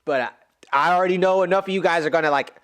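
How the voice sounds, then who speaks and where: A man giving casual reaction commentary to a stage musical, animated, emotional and exclamatory, rambling as he talks. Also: high-pitched, rapid-fire, clean tone.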